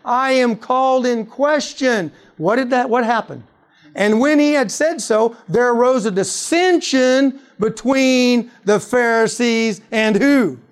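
A man's voice: extremely high pitch, slow, smooth. A male preacher teaching on apologetics, reading scripture aloud and quizzing his listeners with rhetorical questions. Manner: animated, asks rhetorical questions.

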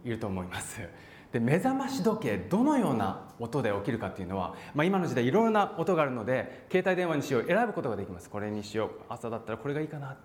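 A man preaching a sermon, animated, acting out voices and calling out for emphasis. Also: medium pitch, fast talker. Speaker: pastor. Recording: echoey hall.

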